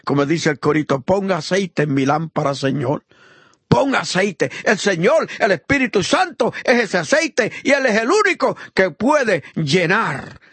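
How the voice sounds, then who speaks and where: A man preaching a fervent sermon, swinging between loud high exhortation and low murmured praise, acting out the voices of the people in his story. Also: lively intonation, measured pace, husky, no echo. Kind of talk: impassioned sermon.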